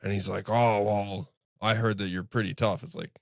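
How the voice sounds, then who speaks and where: A man with a fairly low voice co-hosts a casual podcast, recorded close and dry. He tells gym stories with plenty of energy, slipping into the voices of the people he describes and swearing offhandedly. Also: moderate pace, vocal fry, no echo. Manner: animated storyteller, acts out quoted voices, swears casually. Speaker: podcast co-host, martial arts coach. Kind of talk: casual storytelling chat.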